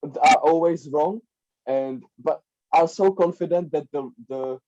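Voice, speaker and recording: A man's voice: fairly high pitch, a little slow, warm tone. Young man with a dull lo-fi sound. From Czech Republic. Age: young adult. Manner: rambling, repeats words, frequent "like" and "right?". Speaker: guest, life coach. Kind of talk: casual podcast conversation.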